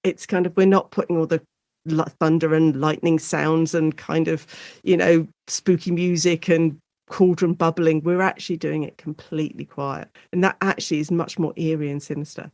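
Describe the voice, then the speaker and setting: A British woman, a guest academic specialising in audio drama, talks about her research in an enthusiastic, chatty interview manner. Her voice is low-pitched and darkish, with flat delivery at a moderate pace. The recording is dry and studio-clean.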